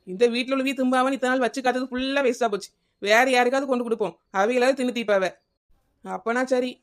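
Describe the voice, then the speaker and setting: A woman plays a scatterbrained housewife in a comedy cartoon, chattering and wheedling in a Kanyakumari Tamil accent. Her voice is high. She talks fast and keeps circling back to the same name. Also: close to an everyday voice. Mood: grumbling.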